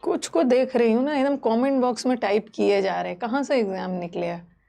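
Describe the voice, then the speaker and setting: A woman's voice: a little high, a little fast, vocal fry, mellow. A woman teaching a live online exam-prep class, explaining terms in a mix of Hindi and English and checking in with students often.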